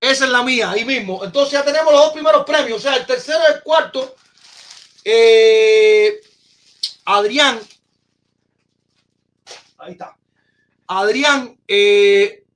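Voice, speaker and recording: A man hosting a casual live-stream chat, excitable and exclaiming, often repeating his phrases. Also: extremely high pitch, unhurried, long pauses. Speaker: podcast host.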